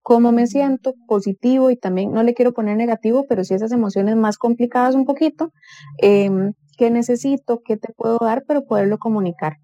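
Woman, advice-giving guest, calm and explanatory, somewhat high voice, dry muffled recording. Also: a little fast, no echo. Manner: calm explanatory, acts out quoted family dialogue. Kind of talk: advice talk on a radio or web show. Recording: dull dry studio sound.

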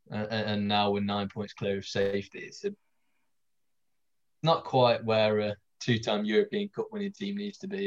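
Young male podcast guest, easygoing and wry, slightly muffled lo-fi audio. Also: on the low side. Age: young adult. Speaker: guest, physiotherapy student. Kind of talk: casual podcast chat.

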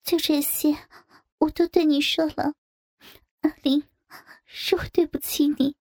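A woman's voice: high-pitched, level tone, darkish tone. A woman voicing a timid young husband who stammers through tears. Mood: tearful. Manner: tearful, halting, stammering.

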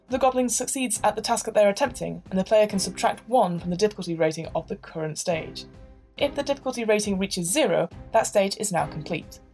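A woman running a tabletop game, explaining rules briskly and laughing readily. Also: mid-range voice, vocal fry, a little mellow. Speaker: game master.

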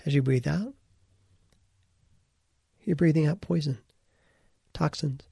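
In a dry recording with no room sound, a man guides a meditation using a dark, relaxed voice pitched fairly high and thick with gravelly fry. He speaks in short, deliberate phrases separated by pauses.

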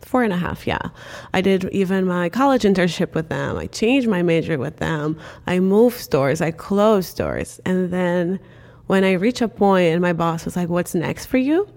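A Cape Verdean woman, a native Cape Verdean Creole speaker, recounts her story as a guest in a relaxed interview chat, lively and full of "like" fillers. Her lowish voice is gravelly, at a normal speed.

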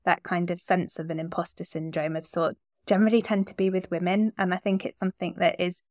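A woman's voice: fairly low pitch, level tone, brisk, darkish tone, no room sound, clean studio sound. A middle-aged woman hosting a conversational interview, responding in an affirming, reflective way. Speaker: podcast host, interviewer.

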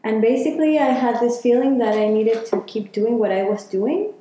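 A woman's voice: fairly high pitch, moderate pace, dark tone. A woman from Chile, talking reflectively in a casual interview and using many fillers. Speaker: interviewee, healer. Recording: very echoey room.

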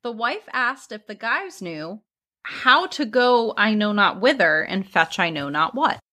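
A woman's voice: mid-range voice, sing-song, a little slow, bright, forceful tone. A woman hosting and reading a folk tale aloud in a storytelling style, with casual asides. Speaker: narrator and host.

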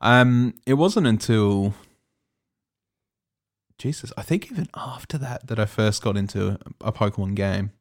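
A man's voice: fairly low pitch, measured pace, pauses often. A man in his twenties with an Australian accent, co-hosting a casual podcast chat, rambling with fillers and laughing easily. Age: 20s. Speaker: podcast co-host.

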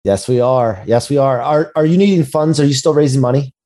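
A man's voice: medium pitch, fairly quick, dark tone. A man hosting a business podcast in a conversational, motivational entrepreneur style full of buzzwords, recorded over a video call. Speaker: podcast host.

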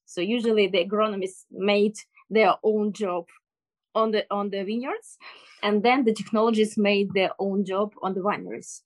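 A woman's voice: medium pitch, fairly even intonation, dry recording. Ukrainian-accented woman speaking careful English. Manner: careful English, halting, searching for words. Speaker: interview guest. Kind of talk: explanatory interview talk.

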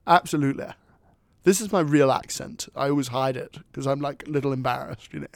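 A man's voice: sits high, wildly swooping pitch, drawn-out words, slightly rough, no room sound, voice pushed up, exaggerated voice. A man putting on the voice of a boastful, posh young British party lad, brash and showy.

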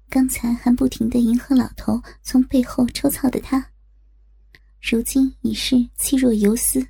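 A woman reading scripted story narration in a soft, breathy, creaky voice. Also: fairly high pitch.

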